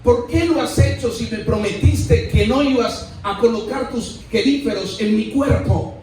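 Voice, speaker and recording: A man's voice: extremely high pitch, measured pace, darkish tone, soft background music. A man playing a wary, scolding little frog. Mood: anguished. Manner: suspicious, scolding. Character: wary female frog, sharp-tongued and suspicious. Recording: echoey church hall, distant mic.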